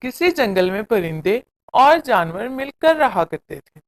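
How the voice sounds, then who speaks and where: A woman tells a scripted moral tale for children, her delivery measured and expressive like a practiced storyteller. Her voice sits on the higher side.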